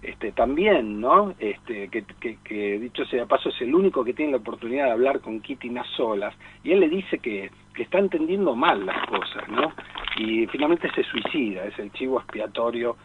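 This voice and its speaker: Speaking at medium pitch with lively intonation, an Argentine-accented film columnist on a radio show team gives chatty, digressive commentary. He halts often and seeks agreement through tag questions. The audio is narrow and tinny, with slight background noise.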